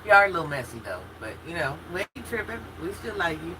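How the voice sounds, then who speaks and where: A woman's voice: on the low side, very animated, quick pace, bright, forceful tone, a little hiss or hum, poor audio. Chatty woman in her fifties, humming room. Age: 50s. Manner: chatty and candid, talks straight to chat with frequent laughs and restarts. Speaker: livestream host reading viewer comments. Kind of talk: casual chat.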